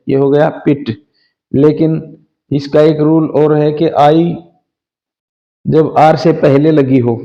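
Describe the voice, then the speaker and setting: Slow, patient male phonics teacher. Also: on the high side, warm tone. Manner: slow, patient, spells words letter by letter. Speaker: English teacher. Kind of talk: phonics lesson, spelling out letters. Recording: dull lo-fi sound.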